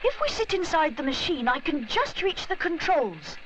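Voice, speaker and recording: Woman as Rupert, eager high-pitched little boy bear. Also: very animated, moderate pace, a bit bright, a little hiss or hum. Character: eager, kind, curious young boy bear. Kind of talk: children's cartoon storybook voice.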